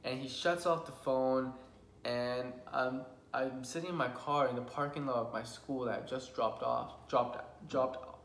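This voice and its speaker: A man's voice: medium pitch, fairly even intonation, a little slow, a bit bright. A young man in his twenties telling a personal story to camera in an earnest, emotional vlog, stumbling and restarting often. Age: 20s. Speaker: vlogger. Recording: roomy with faint background hum.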